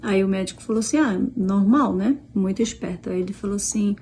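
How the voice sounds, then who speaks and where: A middle-aged Brazilian woman, a vlogger and mother, casually retells a conversation, quoting dialogue and restarting often. She speaks with a Brazilian Portuguese accent in a brisk, warm, husky voice of medium pitch.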